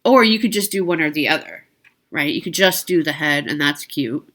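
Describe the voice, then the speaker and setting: Lively intonation marks this woman's low-pitched, slightly bright voice as she casually narrates products for a needlework shopping video. She keeps a moderate pace and an informal manner, regularly correcting herself and adding asides.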